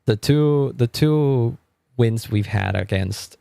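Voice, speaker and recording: A Spanish-speaking music streamer from Argentina chats casually on a live stream in a warm, gravelly, mid-range voice, speaking slowly. He rambles, stammers into repeated words, and laughs a lot, with a bit of hiss or hum in the background.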